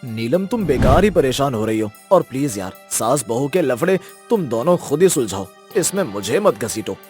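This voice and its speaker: A woman's voice: a bass voice, sing-song, moderate pace, darkish tone, faint music behind. A woman voicing an impatient, dismissive young husband in a cartoon story, who speaks curtly. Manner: curt, impatient.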